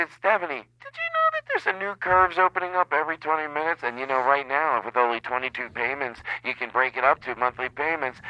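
A man voicing a chirpy woman leaving a sales-pitch voicemail, heard as if over the phone. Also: bright, forceful tone, dry recording, lo-fi sound, heavily acted. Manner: upbeat sales patter.

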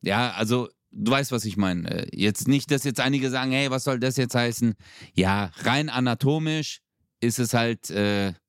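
A young man chatting casually on a podcast, telling an animated story with street slang. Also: medium pitch, normal speed, clean tone, no echo, clean studio sound. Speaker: podcast co-host. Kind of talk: casual chat.

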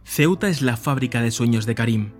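A man narrating a documentary podcast from a script in a measured, descriptive way. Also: mid-range voice, soft background music.

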